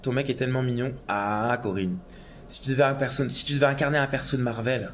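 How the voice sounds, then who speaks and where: A man chats on a casual phone live stream, answering viewer comments as they come in. He is excitable and talkative, and he sometimes breaks into loud exclamations. His voice sits at an ordinary middle pitch for a man. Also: fast talker, slight background noise. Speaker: drag performer on a live stream.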